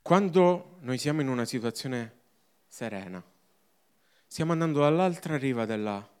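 A male pastor preaching a sermon with emphatic, repetitive phrasing that drops from loud to hushed. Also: mid-range voice, lively intonation, normal speed, clean tone.

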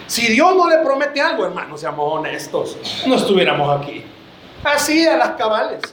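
A man's voice: very high-pitched, sing-song, moderate pace, fairly bright tone, reverberant, a little hiss or hum. A man preaching a sermon to his church, joking and calling his listeners brother.

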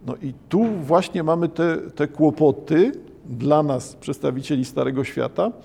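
Slow, gravelly-voiced man lecturing. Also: fairly high pitch, mellow. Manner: slow and reflective, with many hesitations. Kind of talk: lecture on Japanese poetry.

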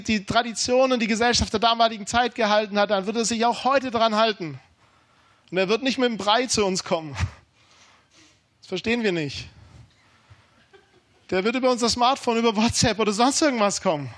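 A man in his thirties preaching a sermon, emphatic and informal, swinging between urgent and hushed delivery. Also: high voice, brisk, long pauses.

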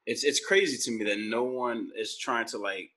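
Male co-host, bright voice, laid-back slangy delivery. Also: medium pitch, moderate pace. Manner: slangy and relaxed, says "bro" and "you know what I'm saying". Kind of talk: casual chat.

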